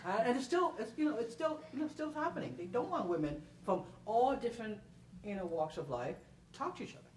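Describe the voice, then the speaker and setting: This woman's voice sits on the high side with a darkish tone and lively intonation, and she talks fairly quickly. As a panel performer in a library event room, she tells animated stories to the audience, emphatic, repeating herself, asking "okay?". Recording is distant, roomy and faintly noisy.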